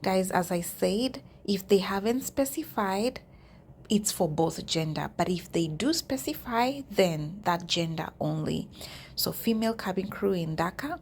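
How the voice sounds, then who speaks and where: A woman's voice: mid-range voice, unhurried, a little mellow, a little hiss or hum. A woman vlogger talking casually to her viewers, chatty and addressing them directly as she walks through job listings. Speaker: YouTube vlogger.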